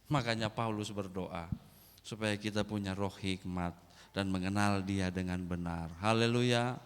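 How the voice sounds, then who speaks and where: A man's voice: on the low side, steady tone, unhurried, smooth. A man with a Kupang accent preaching a sermon in a church, emphatic and slipping into local slang. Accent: Kupang Malay. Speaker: pastor. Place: church hall. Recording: echoey church hall.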